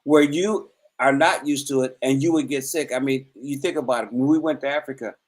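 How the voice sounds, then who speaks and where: A man's voice: mid-range voice, brisk, rough recording. A man co-hosting a casual chat, explaining his point earnestly and at length, often repeating words as he goes. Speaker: co-host.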